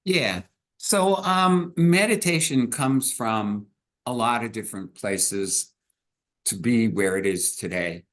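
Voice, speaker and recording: A man, a clinician guest on a video call, explaining meditation in an easygoing way with halting restarts. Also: medium pitch, lively intonation, a bit bright. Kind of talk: casual explanation.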